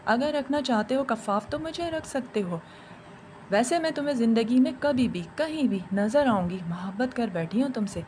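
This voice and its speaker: A woman's voice: fairly high pitch, expressive, darkish tone, slight background noise, natural voice. A woman voicing a vengeful young female jinn bride, speaking in a taunting, menacing way.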